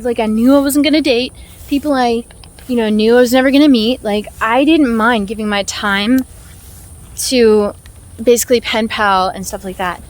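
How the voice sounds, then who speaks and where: A woman with an American accent chatting casually and informally to her vlog audience as she walks on an outdoor hike. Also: on the high side. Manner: talking while walking on a hike; informal, chatty, with little chuckles. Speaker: vlog host. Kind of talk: casual chat to camera. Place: outdoors on a hiking trail. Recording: outdoor ambient noise.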